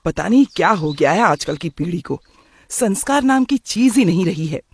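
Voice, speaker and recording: A man's voice: high-pitched, expressive, normal speed, husky, full character voice. A man doing a stern, scolding cartoon father. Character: middle-aged strict traditional father. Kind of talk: cartoon voice acting.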